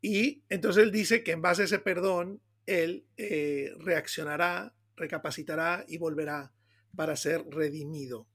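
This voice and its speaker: A man with a Spanish accent from Spain, talking with a high, gravelly voice that has a bright, forceful edge. He tells stories in a loose, animated chat, laughing often and calling his listeners "tío". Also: measured pace. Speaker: pastor and podcast co-host. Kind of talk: casual chat.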